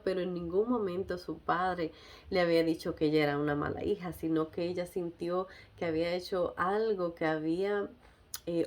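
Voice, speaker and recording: A woman sharing a personal testimony in a sermon, reflective and hesitant, often pausing and checking in with her listeners. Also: lowish voice, darkish tone. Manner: reflective, with many hesitations and tag questions. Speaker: speaker sharing a devotional message.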